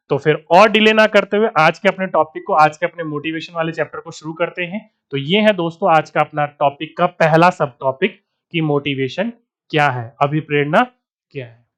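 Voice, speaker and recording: A male coaching teacher speaks with a faint Bihari accent, and his voice sits high. He lectures to the camera in a steady explaining tone, often posing a question and then answering it himself. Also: moderate pace. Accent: Bihari Hindi. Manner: addresses students as friends, asks and answers his own questions. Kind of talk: online exam-prep lecture.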